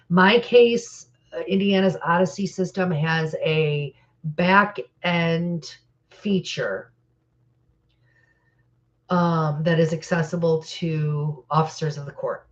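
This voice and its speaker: A woman's voice: sits low, lo-fi sound. A middle-aged woman hosting a casual live-stream Q&A, stuffy from crying, talking hesitantly with many fillers while reading comments. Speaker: live Q&A host.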